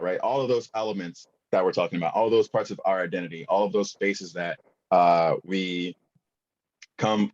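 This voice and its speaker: A man's voice: deep voice, a little mellow, highs cut off. A young man presenting a conference workshop, talking casually with many fillers and asking the audience questions.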